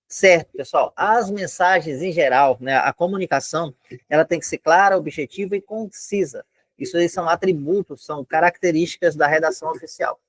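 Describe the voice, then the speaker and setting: A Brazilian man gives a casual online exam-prep lesson from a room at home, chatting away with lots of filler tags and explaining things step by step. His voice is a little high and a bit bright, and the recording is dry.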